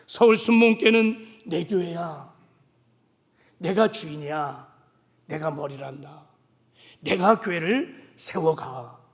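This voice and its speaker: A pastor voicing God as a soft, fatherly voice. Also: on the high side, slow, pauses often, pitched below the performer's own voice. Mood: tender. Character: God, gentle fatherly divine voice. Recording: long reverb of a large hall.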